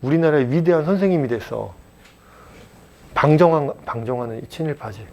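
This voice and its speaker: A man teaching a math class at a cram school, blunt and chatty, joking and mock-scolding his students and checking in with quick questions. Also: on the high side, animated, darkish tone, muffled recording. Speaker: math tutor.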